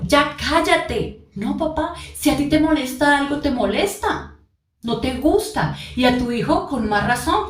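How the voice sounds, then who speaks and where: Earnest woman coaching parents. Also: on the high side. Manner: earnest, addresses parents directly and repeats points. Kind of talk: parenting advice podcast monologue. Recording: echoey room, distant mic.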